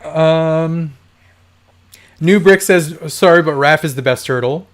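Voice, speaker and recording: A man hosts a livestream from home, talking off the cuff and reading viewer comments aloud. His voice is hoarse and dry, ordinary in pitch, and slow-paced, and he rambles cheerfully, chatting and laughing often.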